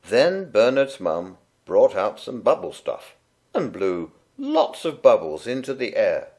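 Slow, expressive storybook reader, a man. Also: fairly low pitch. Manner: gentle, unhurried, expressive. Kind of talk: read-aloud children's story.

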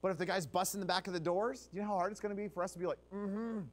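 A man preaching a revival sermon in a church, dropping to a hush and surging up again for emphasis. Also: high voice, racing. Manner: animated, drops to a hush and surges up for emphasis. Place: church sanctuary.

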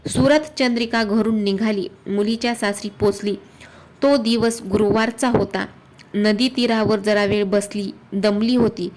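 A woman reading a devotional folk tale aloud as storyteller, in a steady, recited rhythm. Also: medium pitch, unhurried.

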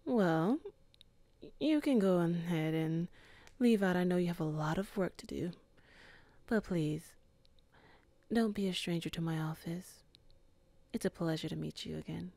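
In an ASMR office roleplay, a woman plays a calm, composed female boss, speaking in a measured, softly flirtatious and teasing way. Her pitch is fairly low, and the recording is dry.

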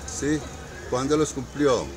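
A man's voice: medium pitch, steady tone, takes it slowly. A man with a Colombian accent asking simple interview questions in a casual way, often using affectionate diminutives. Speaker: interviewer behind the camera. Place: outdoors on a dirt path in a hillside neighborhood.

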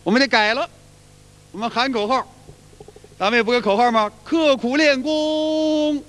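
A man's voice: very high-pitched, steady tone, brisk, bright, forceful tone. A man. His talk is folksy and repetitive, and he breaks into sung demonstrations. The sound carries a long reverb, as if recorded in a hall. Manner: folksy, repeats himself, demonstrates chants aloud. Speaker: qigong teacher. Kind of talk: colloquial spoken lecture.

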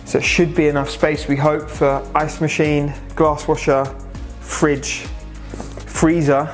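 This young man from England, a restaurant owner, talks slowly and flatly in a slightly high voice while vlogging about his renovation to a camera in a large indoor area. He's casual and matter-of-fact, often saying "so" and "obviously," and faint music sits behind him.

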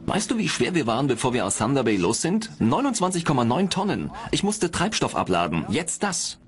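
An actor dubbing a frustrated middle-aged airline captain who complains irritably in a documentary reenactment. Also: male voice, medium pitch, sing-song, fairly quick, natural voice. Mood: fed-up.

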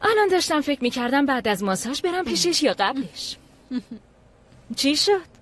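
A woman's voice: high voice, big pitch swings. A woman dubbing a smug, chatty young woman in a drama. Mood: breezy. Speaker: dubbed actress playing a smug young woman. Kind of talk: Persian dub of a drama series.

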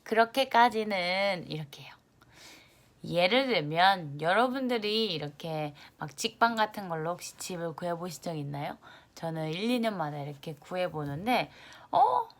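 A young woman teaching English in an online lesson, lively, stressing the English words loudly and acting out her students' reactions. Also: fairly low pitch, moderate pace.

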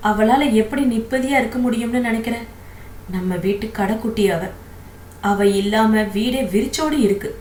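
A woman voicing a worried older man of the family, speaking softly and sadly, in a roomy recording. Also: a little high, moderate pace, distant mic, slight background noise, close to an everyday voice.

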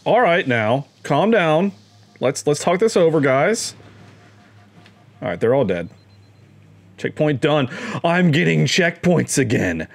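A young man narrating his video game run in a slightly higher voice that swoops up and down a lot. He talks at an unhurried pace, with playful, mock-dramatic outbursts. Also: sing-song, vocal fry, faint music behind. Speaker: let's play gamer. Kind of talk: casual gameplay commentary.

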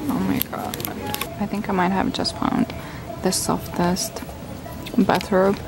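A young woman vlogging casually while she shops and walks through a city, excitedly gushing over what she finds, recorded on a handheld camera. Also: medium pitch, takes it slowly, heavy background noise. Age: young adult. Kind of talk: casual vlog narration. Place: shops and streets of a city, indoors and out. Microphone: handheld camera mic.

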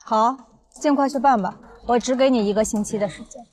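Woman playing a cold, high-voiced villainess. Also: fairly quick, darkish tone, a little hiss or hum, lightly acted. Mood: cold, commanding. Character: cold, ruthless middle-aged female company chair. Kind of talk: villain drama acting.

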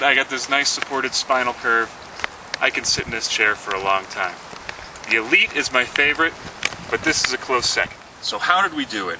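A man, the inventor, presenting and demonstrating his product in an earnest pitch, talking through each movement. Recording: slightly distant mic, faint outdoor noise.

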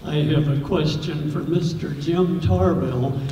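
A man calls out a question from the audience, speaking slowly and deliberately. His voice is mellow and sits far off in a very echoey hall, a little dull. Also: a little high, a little hiss or hum. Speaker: audience member. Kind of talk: asking a question.

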